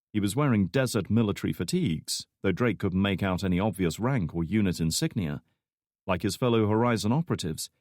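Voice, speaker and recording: Low-voiced man reading an audiobook. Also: a little mellow, no echo, clean studio sound. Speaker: audiobook narrator. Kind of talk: scripted narration.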